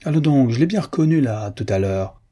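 A man reading aloud who voices a flustered, jealous baron speaking in halting, exasperated bursts. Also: fairly low pitch, fairly even intonation, warm tone, breathy edge.

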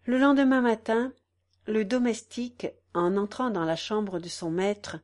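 A woman reads a novel aloud in a slow, dramatic way, leaving pauses between phrases. Her pitch sits in a middle range. The reading is measured and deliberate. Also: fairly even intonation, a little mellow. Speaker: narrator.

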